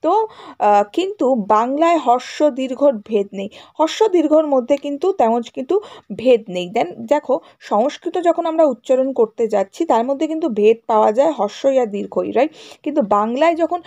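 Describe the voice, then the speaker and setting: A woman teacher walks schoolchildren through a grammar lesson, going over each rule more than once and checking in with her pupils after every point. Her voice sits high, with a soft, mellow tone. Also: lively intonation, brisk, highs cut off. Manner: explains and repeats, checks with "right?" and "okay?".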